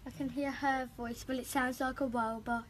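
A woman's voice: sits high, level tone, moderate pace, a little hiss or hum. A woman patient giving short, giggly answers during a hearing device fitting. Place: clinic room.

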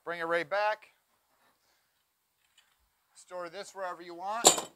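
A man in his forties, reviewing trailers, leads an enthusiastic walkaround of a camping trailer, indicating features as he moves inside and around a cargo trailer on an outdoor lot. He talks slowly in a high-pitched, steady tone. Background noise is audible on the lapel-mic recording.

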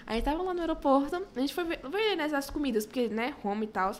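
A young woman with an Acre Brazilian accent, guest on a podcast, telling stories in a giggly, animated way. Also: high voice, fast, a little hiss or hum. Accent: Acre Brazilian Portuguese. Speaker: podcast guest, food creator. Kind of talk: casual podcast chat. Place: small podcast studio.

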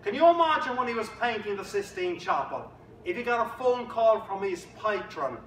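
A man plays a Northern Irish pub regular who sermonizes to his friend, drawing out every point. The voice is high and bright, and it carries from a distance through an echoey room. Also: big pitch swings. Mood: scolding. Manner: preachy, drawn-out and emphatic.

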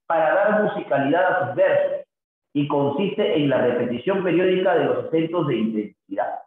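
A man's voice: on the high side, animated, normal speed. A man giving a literature lesson, checking in with tag questions and reciting verses in a sing-song drawl. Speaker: literature teacher. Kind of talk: classroom lecture. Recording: very echoey, phone-like thin sound.

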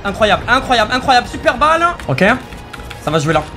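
A man hosting gameplay, excitedly exclaiming and repeating words in bursts. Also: very high-pitched, a little fast. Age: 20s. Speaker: gaming video host, player. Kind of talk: excited live gameplay commentary. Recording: music playing behind the voice.

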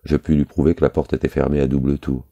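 A man reading a novel aloud in a measured, even storytelling manner. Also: very deep voice, vocal fry. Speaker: audiobook reader.

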